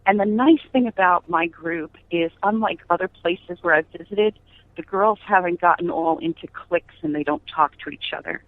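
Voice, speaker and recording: A woman's voice: on the low side, moderate pace, dry recording. Middle aged lady being interviewed over the phone, chatty, makes her point w questions, thin telephone sound. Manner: chatty, emphatic, uses rhetorical questions. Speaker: podcast guest, business founder. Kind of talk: conversational interview, anecdotal storytelling. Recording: tinny phone-line audio.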